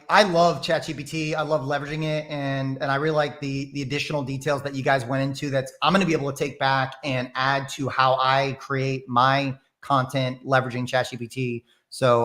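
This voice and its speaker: A man's voice: mid-range voice, fairly bright tone. A man from the Boston area co-hosting a casual talk show, upbeat and chatty as he passes on viewer questions. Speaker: co-host. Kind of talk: casual chat.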